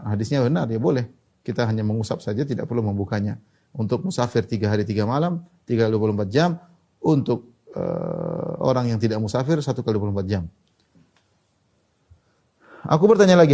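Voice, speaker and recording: Man, preacher, hadith lecture, rapid delivery, warm mellow tone. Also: medium pitch, vocal fry. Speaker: Islamic preacher.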